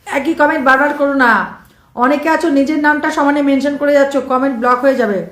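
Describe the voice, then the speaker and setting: A hoarse woman live streaming, reeling off viewer names with quick thanks in casual chat. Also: high-pitched, steady tone, a bit bright, roomy sound. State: hoarse from shouting.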